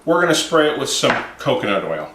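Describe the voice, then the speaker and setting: A man leading a home cooking demonstration, calmly explaining each step to a child in a kitchen. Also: mid-range voice, fairly quick, background noise. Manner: calm, explaining steps to a child. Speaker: home cook. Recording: roomy kitchen echo.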